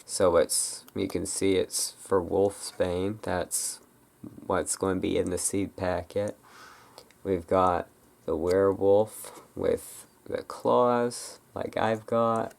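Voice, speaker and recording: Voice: low-pitched, steady tone, slow pace, creaky, a little mellow. An ASMR creator chatting casually and off the cuff, rambling and hesitant, often trailing off. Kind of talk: casual improvised ASMR chat.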